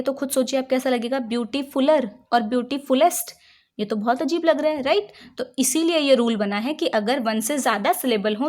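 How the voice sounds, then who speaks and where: Lady teacher explaining english grammar in hindi, slightly high voice, keeps asking "right?". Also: a little mellow. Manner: patient, checks understanding with frequent rhetorical questions; reads English rules slowly, then explains them in Hindi.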